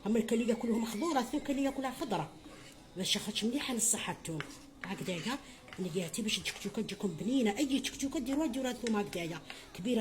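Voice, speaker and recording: Fast-talking motherly Algerian woman cooking. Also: medium pitch, noisy background. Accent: Algerian Arabic. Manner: chatty, motherly, addresses viewers as her children, frequent blessings. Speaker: home cook. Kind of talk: cooking tutorial.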